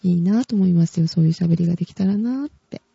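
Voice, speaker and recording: A woman's voice: on the low side, fast talker, gravelly, mellow, slightly rough, no echo. A woman hosting a casual podcast chat, chatty and giggling often. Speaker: podcast host. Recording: dull, dry lo-fi recording.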